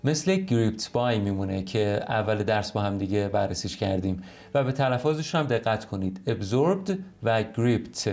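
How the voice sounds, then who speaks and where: A man teaching an online English lesson in Persian. He explains clearly and reads the English example sentences slowly and carefully. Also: on the low side, animated, darkish tone. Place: home recording.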